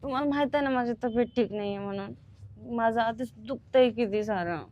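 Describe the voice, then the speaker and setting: A high-voiced, aggrieved village wife in a comedy skit, acted by a woman. She sounds unwell and groggy, whining her complaints in a rural Marathi accent. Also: brisk, highs cut off, a little hiss or hum, close to an everyday voice. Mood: pained protest.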